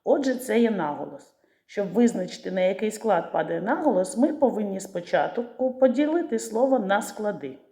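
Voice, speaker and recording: A woman teacher giving a literacy lesson to young children, pronouncing words slowly and stretching out the syllables. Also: mid-range voice, lively intonation, mellow. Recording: echoey room.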